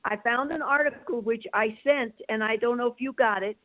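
A woman's voice: fairly high pitch, moderate pace. An older woman calling in to a show over the phone, talking in an emphatic, chatty way as she piles on her points. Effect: over the phone, tinny line. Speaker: caller. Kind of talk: casual call-in chat. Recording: tinny phone line.

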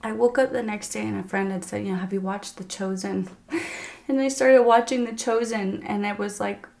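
Earnest woman with a gravelly edge. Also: medium pitch, fairly even intonation, darkish tone. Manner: earnest, halting, emotional. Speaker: podcast guest. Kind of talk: candid personal faith testimony.

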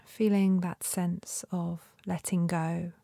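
A woman leading a guided meditation in a soft, breathy, often near-whispered voice with a gentle, soothing manner and long pauses. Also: fairly low pitch, flat delivery, dry recording.

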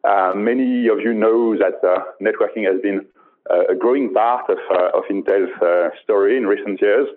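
A man moderating a conference, introducing the next speaker in a halting way with many fillers. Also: on the low side. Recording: tinny phone-like audio.

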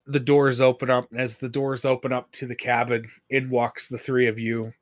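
A man's voice: medium pitch, little pitch movement, normal speed, dry recording. A man running a tabletop game as game master, narrating with many hesitations and fillers.

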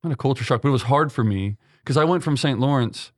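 A man's voice: medium pitch, fast, no room sound, studio quality. A young man from Texas, a seminarian, answering interview questions in an earnest way, with many ums and restarts. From Texas, USA. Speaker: seminarian guest. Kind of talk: conversational interview.

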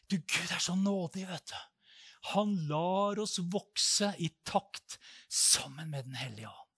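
A man preaching with a bright, forceful voice, recorded close and dry. He tells stories with lively energy and bursts into loud, high cries when acting out prayers. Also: husky, no room sound. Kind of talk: sermon.

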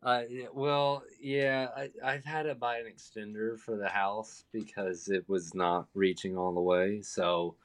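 A man's voice: fairly low pitch, fairly even intonation, unhurried, few pauses. A man calling in over the phone as a co-host, giving betting picks in a casual chat and often stumbling over the first words of his sentences. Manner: stammers and repeats words at the start of sentences.

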